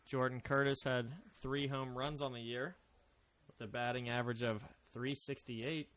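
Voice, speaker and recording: Bright-voiced male baseball co-commentator. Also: medium pitch, steady tone, normal speed. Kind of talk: casual sports commentary.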